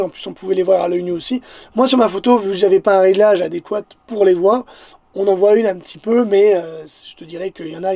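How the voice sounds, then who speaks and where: High, gravelly Québécois man, excitable. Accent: Québécois French. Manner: excitable, stammers and repeats words. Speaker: photographer and vlogger. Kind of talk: casual vlog narration to the viewer.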